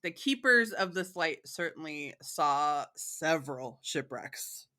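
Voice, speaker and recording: A Michigan woman with a bright, low-pitched, animated voice hosts a podcast, casually chatting with her co-host. She speaks freely, laughs a lot, and fills gaps with "um" and "like," her tone clear with a forward edge.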